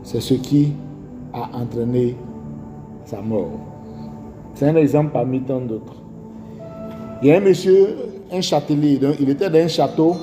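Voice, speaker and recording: A man with an Ivorian French accent preaches a sermon at a measured pace, with a medium-pitched voice and long pauses. He tells stories and asks rhetorical questions, recorded in an echoey hall with faint music.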